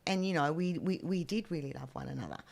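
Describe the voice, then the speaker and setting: A woman's voice: sits low, fast, creaky, darkish tone. A middle-aged Australian woman co-hosting a podcast, telling long stories in casual chat and peppering them with "you know" fillers. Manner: rambling storyteller, full of "you know" fillers. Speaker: podcast co-host. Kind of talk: casual chat between friends.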